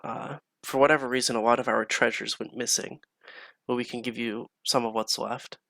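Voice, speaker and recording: A man's voice: medium pitch, fairly even intonation, normal speed, creaky, sharp tone, dry recording. A man voicing a stern but polite woman innkeeper who speaks formally and courteously. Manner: formal, courteous, slightly reproachful.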